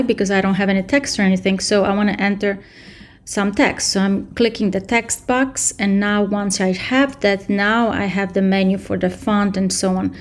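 This tutorial presenter, a woman in her thirties with a mid-range voice, gives a casual screen-share software lesson from her computer indoors, explaining each step and often using fillers.

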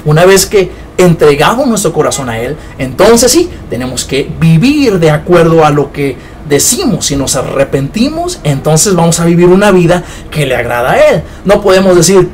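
A man's voice: on the high side, very animated, moderate pace, hardly any pauses, a little mellow, slight background noise. A man giving an informal Bible teaching, talking conversationally and often checking in with his listeners. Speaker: preacher.

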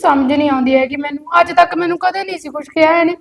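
A woman's voice: high voice, fast. A woman playing a wronged young wife, crying and pleading as she defends herself. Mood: tearful.

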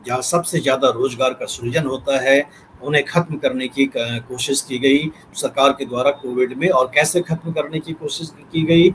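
A man in his forties, an editor, explaining policy on a video call from a book-lined study, measured and often pausing with fillers. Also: medium pitch, steady tone, fairly bright tone, a little hiss or hum, rough recording. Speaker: newspaper editor, analyst. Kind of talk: news analysis commentary. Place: home study with bookshelves. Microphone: webcam, video call.

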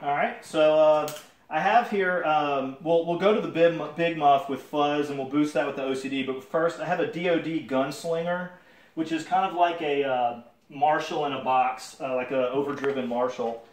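A young man casually demoing a guitar at home, talking in a relaxed, halting way with many fillers, picked up by a camera mic some distance away. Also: a little high. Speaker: guitar reviewer. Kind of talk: casual gear demo talk. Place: home music room with guitars and amps. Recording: roomy sound from off-mic. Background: electric guitar playing.

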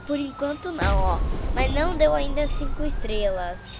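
A Brazilian woman hosting gameplay commentary in an excitable, exclaiming, panicking manner. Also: sits high, moderate pace, heavy background noise. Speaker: gaming channel host.

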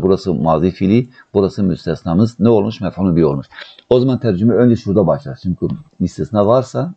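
A man teaching an Arabic grammar lesson, explaining step by step and answering his own questions, slowing right down when he reads out a model translation. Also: sits low. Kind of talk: recorded online grammar lesson. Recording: dull, muffled audio.

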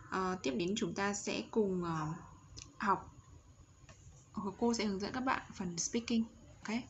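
A woman's voice: mid-range voice, highs cut off, slight background noise. Vietnamese woman teaching children English. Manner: slow, exaggerated pronunciation drills. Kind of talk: online English lesson for children.

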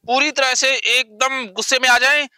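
High, bright-voiced male psychologist urging a client. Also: fairly even intonation, normal speed, clean tone, no echo. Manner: urgent, commanding, repeatedly shouting encouragement. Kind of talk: guiding a therapy exercise.

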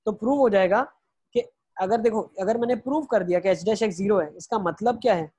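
Husky-voiced male math teacher. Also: high voice, brisk, warm tone. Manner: explains step by step, asking and answering rhetorical questions; mixes in English phrases while teaching. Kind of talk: online math lecture.

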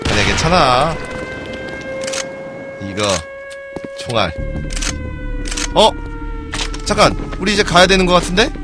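A man streaming a game live and commenting as he plays, excitable, swearing and yelling at other players. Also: a little high, slow, pauses often, music in the background.

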